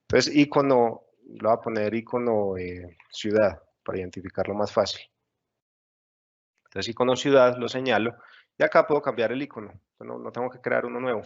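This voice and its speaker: A man's voice: medium pitch, moderate pace, creaky, lo-fi sound. A man teaching a webinar tutorial, explaining patiently step by step with frequent fillers. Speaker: software instructor. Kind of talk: screen-share webinar tutorial.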